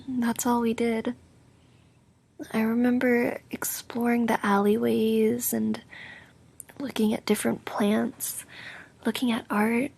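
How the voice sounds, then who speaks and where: A woman performs an ASMR role-play as a drowsy, affectionate girlfriend. Her soft voice is very breathy and often creaky. She speaks slowly and intimately, drifting from one phrase to the next. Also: on the high side, flat delivery. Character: affectionate sleepy girlfriend recounting a dream. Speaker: roleplay audio performer playing a sleepy girlfriend.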